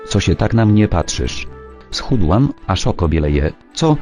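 Guy doing a chatty brash housewife, middle-aged, deep mellow voice. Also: big pitch swings, unhurried, faint music behind. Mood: boastful. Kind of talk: amateur comedy voice acting.

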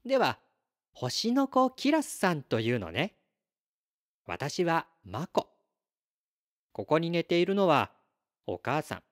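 Guy putting on a squeaky little girl voice for a storybook, all sing-songy and slow, swoops way up. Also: dry recording, clean studio sound, exaggerated voice. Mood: polite. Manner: pleading and excited, high and lively. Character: bright eager little girl. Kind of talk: storybook read-aloud.

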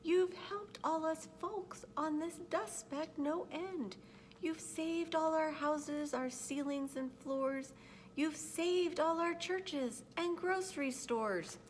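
A woman's voice: sits high, slow, slight background noise, voice pushed up. A woman voicing a tiny, friendly, grateful storybook mayor with a small piping voice and polite, earnest rhyming speech.

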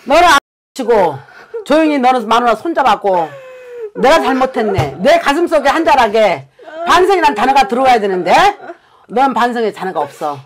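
A woman playing a shaman fortune-teller in a staged reenactment, scolding and cursing at a client in rough, blunt speech. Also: fairly high pitch, very animated, brisk, crowd noise.

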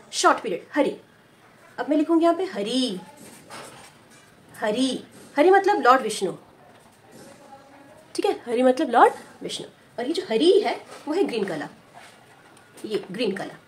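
A woman teaching a Hindi lesson for parents. She explains patiently, repeats key words slowly, says "okay" often and mixes in English words. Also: a little high, a little hiss or hum. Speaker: preschool teacher.

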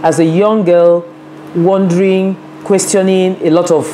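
Her voice is lowish, level, unhurried and warm, in a rough recording with a little hiss or hum. She's a Nigerian women's rights advocate in her fifties, interviewed at her desk in an office with a large window, earnestly recounting her life with many "you know" asides as a camera films from across the desk.

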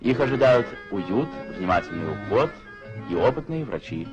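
A man's voice: lowish voice, big pitch swings, moderate pace, lo-fi sound. A man reading the narration of an old 1950s newsreel in a solemn, declamatory manner. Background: plucked guitar music.

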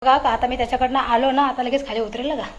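A woman's voice: high-pitched, steady tone, fast talker, a little hiss or hum. A woman home vlogger chatting casually in her kitchen and playfully scolding her pet.

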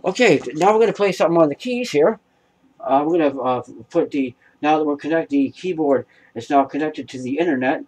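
A man with a slightly high, darkish, breathy voice speaks fairly quickly, hosting a home tech show step by step. He's hesitant and casual, full of fillers and restarts. A camera across a dim room at home gives a rough recording.

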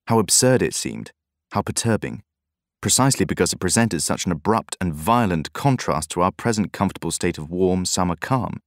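A man narrating an audiobook in a measured, even storytelling manner. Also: sits low, no room sound, clean studio sound. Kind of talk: scripted narration.

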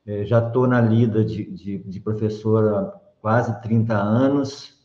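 A middle-aged man, a science teacher, telling his story in a relaxed, unhurried way. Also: fairly low pitch. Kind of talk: casual interview answer. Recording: roomy, dull lo-fi video call audio.

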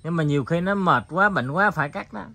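A young woman with a notably low voice and a bright, forceful tone chats as an interviewer. She prompts her guest with friendly, easygoing questions. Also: a little fast, husky, no echo. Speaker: vlog interviewer. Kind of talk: casual chat.

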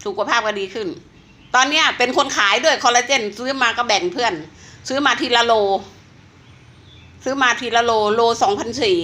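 A woman's voice: fairly high pitch, moderate pace, sharp tone. A woman in her sixties chatting persuasively to viewers while selling a health product. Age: 60s. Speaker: online seller. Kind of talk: casual live-selling chat.

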